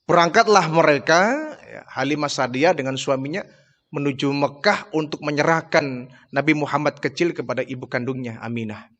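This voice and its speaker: A male Islamic preacher telling a religious history story in an expressive, dramatic way. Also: on the high side, moderate pace, muffled recording. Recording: long hall reverb.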